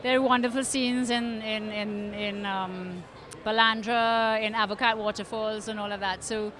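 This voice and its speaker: A woman's voice: medium pitch, steady tone, a bit bright. A middle-aged woman with a Trinidadian accent, a film producer answering questions on a red carpet, full of restarts and fillers. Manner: halting, many restarts and fillers. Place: outdoor red carpet event.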